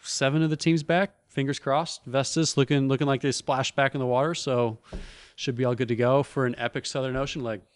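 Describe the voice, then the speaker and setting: A man co-hosting a relaxed sailing talk show. His voice is smooth and resonant, and the sound is dry and close with no room echo. He speaks with eager energy and often backs up to restart a phrase. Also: mid-range voice, a little fast. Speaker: co-host, former onboard reporter. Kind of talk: casual chat.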